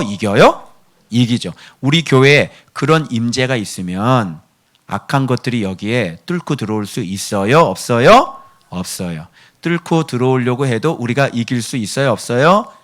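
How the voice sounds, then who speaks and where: A man's voice: medium pitch, fairly bright tone. A man preaching a morning devotional sermon, asking the congregation questions and answering them himself, sometimes dropping to a whisper for emphasis. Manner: drops to a breathy whisper for emphasis. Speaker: pastor.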